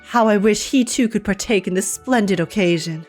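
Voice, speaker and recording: A woman's voice: medium pitch, moderate pace, darkish tone, soft background music, close to an everyday voice. A woman voicing a gallant knight of beauty with flowery, theatrical, courtly delivery, reading game dialogue. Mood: solemn, courtly. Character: gallant, florid male knight devoted to beauty.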